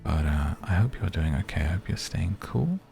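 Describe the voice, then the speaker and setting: A man with a hoarse, raspy, strained voice, giving relaxed, rambling game commentary meant for sleep and muttering to himself as he plays. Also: low voice, moderate pace, soft background music. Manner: chatty, muttering to himself while playing. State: voice going hoarse. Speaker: gaming video creator and podcaster.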